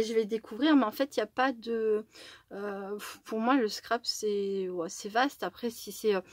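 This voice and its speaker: A woman chatting casually in a craft vlog as she opens fan mail, rambling and correcting herself, giggling often and sometimes dropping to a hush. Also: mid-range voice, no room sound, studio quality.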